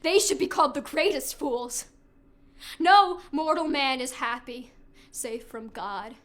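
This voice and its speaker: A woman performing classical stage acting as an anguished slave messenger in a Greek tragedy, theatrical, moving between hushed and loud delivery. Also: high-pitched, measured pace. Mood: grave, bitter. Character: anguished household slave messenger recounting horror. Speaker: actor performing an audition-style monologue. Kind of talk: classical stage acting, dramatic tragic monologue.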